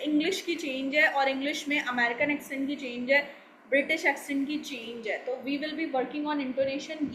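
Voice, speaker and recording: High, bright Pakistani woman teacher. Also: a little hiss or hum, rough recording. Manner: mixes Hindi-Urdu and English, often checks in with "ठीक है?"; slows down to model English words. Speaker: spoken English teacher. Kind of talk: recorded course lecture.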